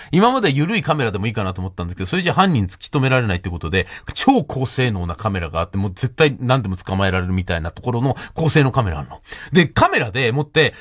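A man's voice: medium pitch, a bit bright, dry recording. A man hosting a radio show, telling a comic story in a solo monologue, laughing often and acting out the voices he quotes.

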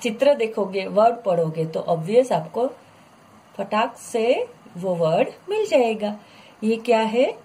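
Woman teacher, unhurried, patient, stretches words to model pronunciation, mid-pitched. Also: darkish tone. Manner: mixes English words into explanation. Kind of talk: online lesson for children.

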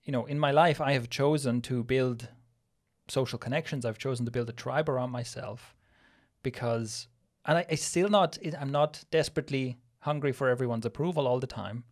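A man's voice: medium pitch, moderate pace. A man in his thirties from Switzerland, co-hosting a casual podcast and thinking aloud with restarts into a studio mic. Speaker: podcast co-host. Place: small studio room with plant wall. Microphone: studio mic on boom arm, headphones.

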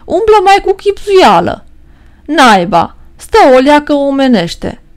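A cheeky, quick-witted young peasant trickster talks back boldly, his voice sitting fairly high and swinging widely in pitch. A woman reads him out in a storybook. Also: sing-song. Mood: mocking. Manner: mocking, bold and quick-witted.

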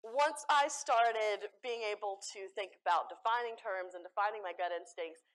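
A young American woman giving a conference talk with slides, animated and self-deprecating, laughing often at her own jokes. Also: mid-range voice, normal speed. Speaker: conference speaker. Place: conference hall stage.

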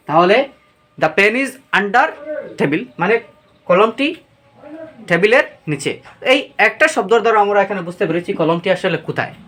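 Teacher, grammar lesson, asks and answers own questions, slow example sentences, animated pitch. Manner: reads example sentences slowly. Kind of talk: explaining grammar lesson to students.

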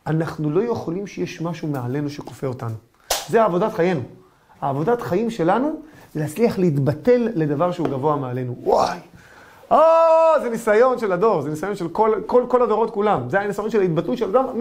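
A man, a rabbi giving a lesson, telling humorous stories in an animated way. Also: sits high. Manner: animated storytelling, acts out voices.

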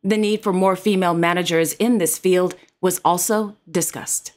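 A woman's voice: fairly low pitch, steady tone, moderate pace, darkish tone. A woman presenting royal news in a formal, carefully read narration. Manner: formal, reads titles and quotes carefully.

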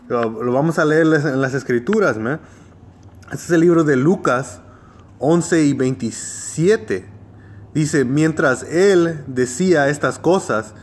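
A man preaching informally and reading scripture, scolding his listeners, tacking "man" onto his phrases, slipping English fillers into his Spanish, hesitating and restarting often. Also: mid-range voice. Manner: scolding, confrontational tone. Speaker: street-style Bible preacher.

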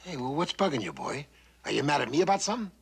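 An actor playing a jovial, brawny middle-aged navy commander who chuckles often, in a 1960s sitcom. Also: male voice, a little high, very animated, quick pace, creaky, slightly rough, exaggerated voice. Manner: hearty, chuckling, folksy. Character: jovial brawny male PT boat skipper.

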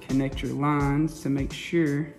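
A man presenting a casual woodworking how-to in a plainspoken, steady way with frequent ums, his voice carrying a big hall-like echo. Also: medium pitch, slow pace. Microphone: phone camera mic. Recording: very echoey phone audio from a distance, loud music behind.

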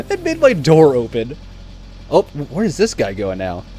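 A man commenting live on a game stream, excitable and quick to laugh as he exclaims at the screen. His voice sits a little high and swoops wildly up and down, yet he talks in an unhurried way. Faint car engine noise from the game hums behind him.

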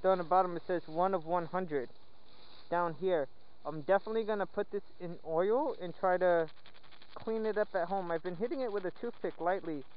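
A man chatting casually and playfully while metal detecting outdoors in the woods, excited over each find. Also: high voice, moderate pace. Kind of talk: casual outdoor vlog commentary. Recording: dull lo-fi outdoor audio with faint wind noise.

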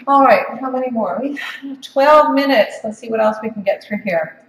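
A woman gives a casual live cooking demonstration in her home office kitchen, chatting away with lots of ums, fillers and restarts. Her voice sits a little high at a normal speed. The mic is at a distance, so the room sounds echoey.

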